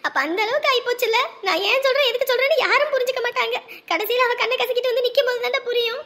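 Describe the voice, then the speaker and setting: High-voiced tearful scolding woman. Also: racing, pushed and bright. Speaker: mother in a family drama. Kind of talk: scripted village family drama.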